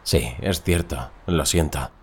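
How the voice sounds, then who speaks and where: An actor playing a hurried male driver who is apologetic in a scripted dialogue for learners. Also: extremely low pitch, husky, exaggerated voice.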